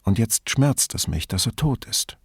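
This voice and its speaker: A reflective middle-aged police commissioner, as a male reader plays him in an audiobook. He speaks in a measured, thoughtful way, in a slightly low voice. The recording is dry and close. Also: animated, creaky, slightly rough, no echo, exaggerated voice. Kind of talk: audiobook character reading.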